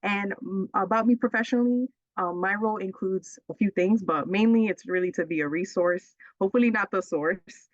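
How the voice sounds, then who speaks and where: This Bronx-born woman talks in a mid-range voice at a brisk clip with few pauses, and there's no room sound. She's an associate director running a cheerful, friendly webinar on a video call, frequently saying "um." Captured on a laptop mic, the audio is dull and dry.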